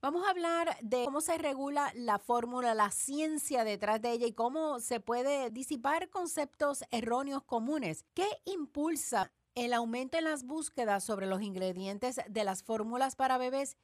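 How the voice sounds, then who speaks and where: A woman's voice: high-pitched, normal speed, hardly any pauses, no room sound, studio quality. A woman hosting a radio show, reading a formal introduction and interviewing a guest.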